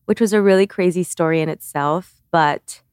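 A woman's voice: fairly low pitch, normal speed, darkish tone, clean tone, no echo, studio quality. Cuban-born young woman, chatty guest. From Cuba. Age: 20s. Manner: chatty, earnest, frequent "like" and restarts. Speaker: guest, beauty creator. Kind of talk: casual interview talk.

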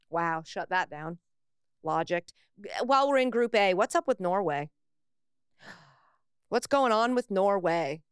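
A woman co-hosting a casual sports podcast, quick and wry with a joking tone. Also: mid-range voice, animated, clear, resonant tone, no room sound, clean studio sound. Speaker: podcast co-host. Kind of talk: casual chat.

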